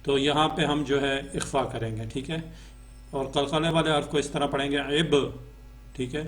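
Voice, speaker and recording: Teaching Quran reading, a man from Pakistan sings out letters and syllables slowly and tunefully, then switches to rapid explanation, often pausing for a quick "okay." He speaks at a medium pitch with a steady, slightly bright tone.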